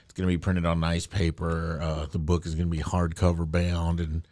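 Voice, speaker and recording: A man's voice: low-pitched, little pitch movement, moderate pace, a little mellow, no room sound, studio quality. A man co-hosting a comics podcast in casual chat, easygoing and explaining details at length. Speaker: podcast co-host.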